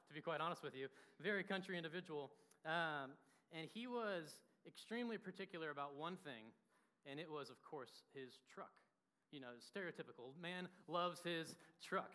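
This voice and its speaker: A man in his twenties, a pastor and church founder, telling a story in a sermon with an animated, talkative delivery full of fillers. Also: a little high, smooth, in a large hall. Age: 20s.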